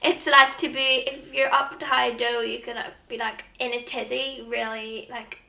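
A woman's voice: a little high, flat delivery, normal speed, vocal fry, reverberant, recorded from a distance, a crowd in the background. A woman quizzing her partner in a casual, playful and teasing chat. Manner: playful, teasing, laughs often.

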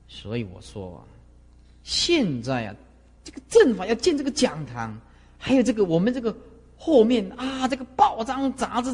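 A man, a Buddhist monk giving a sermon, who scolds and fires off rhetorical questions. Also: high-pitched. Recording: long hall reverb.

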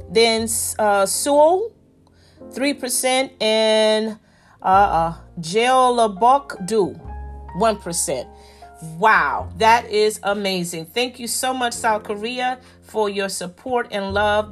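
Slow-talking woman podcast host. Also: mid-range voice, fairly bright tone. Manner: slow, stumbling over place names, apologetic. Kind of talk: casual listener shout-outs.

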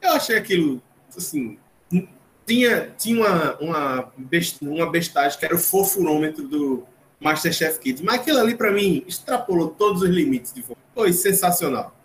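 Recapping a cooking show on his casual podcast, a male host chats and jokes, tossing in asides. His voice is a little high with lively intonation and a moderate pace, recorded with roomy echo and faint noise.

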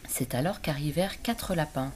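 Low-voiced woman reading a kids' story. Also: moderate pace, over a noisy crowd. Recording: birdsong in background. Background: birds singing.

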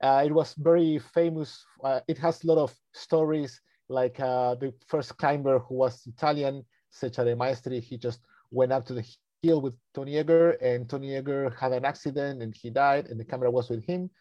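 A man's voice: mid-range voice, steady tone, moderate pace, dark tone, no room sound, highs cut off. Argentine man, friendly and hesitant. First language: Spanish. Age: 30s. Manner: friendly, hesitant, with non-native grammar. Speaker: guest, naturalist guide. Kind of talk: interview answers.

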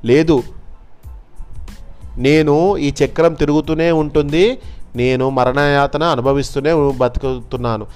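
An ancient, weary man under a curse, explaining his fate in a grave, steady voice, as a male storyteller reads him. Faint music sits low behind the telling. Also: a little slow, pauses often, smooth, lightly acted.

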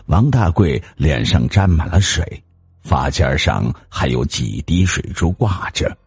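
Male storyteller, very deep, gravelly and husky, dramatic scripted narration with lively pitch. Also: a little slow, dry recording. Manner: expressive, dramatic.

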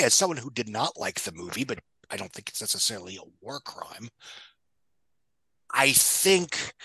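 A guest film box office pundit on an opinionated podcast speaks in a lowish, bright voice with a forceful tone and a breathy edge. He's blunt and sardonic, swearing casually and wandering off on frequent tangents, and the recording is rough but free of echo.

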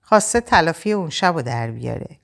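A woman's voice: deep voice, lively intonation, gravelly. A woman reading the part of a blunt, worried young woman in a spoken novel, in a reproachful way. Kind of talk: audiobook character reading.

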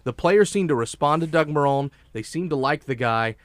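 A man co-hosting a sports talk show, arguing his opinions emphatically with quick restarts. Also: fairly high pitch, expressive, no room sound, studio quality.

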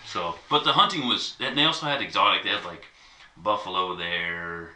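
Recorded at a distance in an echoey room with faint noise, a man with a low-pitched, sharp-toned voice chats casually at normal speed, spinning a long, relaxed story with plenty of asides.

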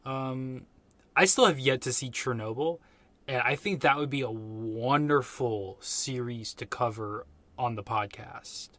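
A man co-hosting a podcast who talks about a movie in a rambling, halting way. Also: medium pitch, fairly bright tone. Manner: rambling, halting, many fillers. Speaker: podcast co-host. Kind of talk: casual movie review chat.

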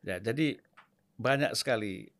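A man hosting a casual interview, who speaks slowly and deliberately, with many hesitations. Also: fairly low pitch, animated, fairly bright tone, no room sound, clean studio sound. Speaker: host.

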